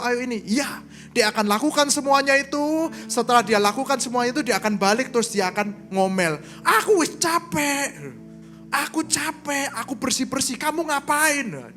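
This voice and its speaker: A man preaching a conversational sermon, often checking in with the congregation with quick questions. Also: sits high. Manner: lively, keeps asking the crowd "right?", acts out little quoted exchanges. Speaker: pastor. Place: church service stage.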